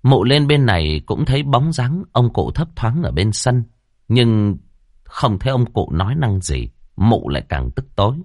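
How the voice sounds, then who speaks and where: A male storyteller narrates a ghost story with an animated, swinging pitch. The recording is dry and close, with no room sound. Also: measured pace, no echo.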